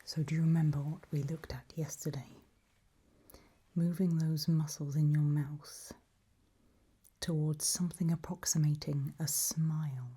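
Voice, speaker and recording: Whispered role-play, woman playing undead female guide, husky breath-heavy whisper, unhurried, gentle, patient, eerie, soft instruction. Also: sits low, level tone, heavily acted. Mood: calm, quietly menacing. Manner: slow, patient, softly instructing.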